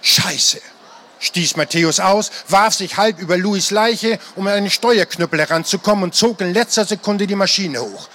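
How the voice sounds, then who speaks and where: High-voiced man reading a story aloud. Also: moderate pace, few pauses, fairly bright tone, a little hiss or hum. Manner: dramatic storytelling, acting out the characters. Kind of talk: live reading of an adventure novel.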